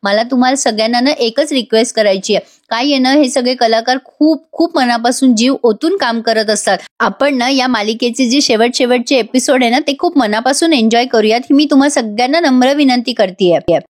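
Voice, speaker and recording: A woman's voice: fairly high pitch, fairly quick, few pauses. Chatty woman retelling a soap episode. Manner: chatty, addresses viewers directly. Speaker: serial review narrator. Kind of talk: casual narrated episode recap.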